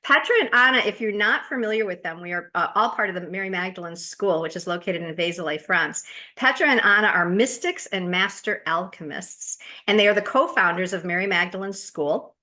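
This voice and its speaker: A woman's voice: fairly low pitch, fairly quick, bright, forceful tone. A woman from the United States hosting a podcast interview, chatty, with frequent fillers and restarts. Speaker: podcast host. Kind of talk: casual interview introduction.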